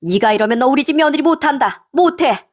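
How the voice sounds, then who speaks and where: A woman voicing a pushy, scolding mother-in-law in her sixties in a storybook tale, shrill and indignant. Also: lively intonation, fairly quick. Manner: shrill, indignant, guilt-tripping. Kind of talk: storybook narration with acted voices.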